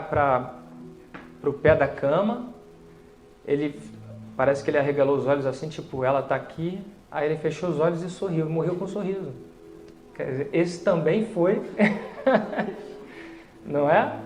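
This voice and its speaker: Animated man telling a faith story. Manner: animated, voice rising high when excited. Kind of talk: storytelling religious testimony. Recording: echoey room.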